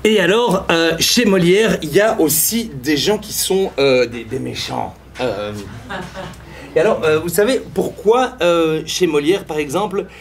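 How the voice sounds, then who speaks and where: On a theater stage, a man hosts an improv show, collecting suggestions from the audience and joking with them in a playful, animated way. His voice is on the high side, and there's slight background noise.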